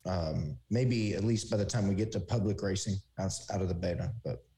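A man's voice: deep voice, brisk, dark tone. A man co-hosting a casual live-stream chat, thinking aloud with hopeful asides. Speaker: co-host. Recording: roomy echo.

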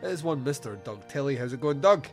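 A man's voice: mid-range voice, lively intonation, quick pace, faint music behind. Rambling, enthusiastic male podcast host. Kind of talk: casual film discussion.

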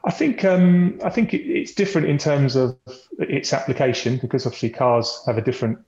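Briskly, in a mid-range and slightly mellow voice, a company representative on a podcast explains the business, his conversational presentation marked by frequent word repetition. The recording is dull and lo-fi, made in an echoey, boxy room.

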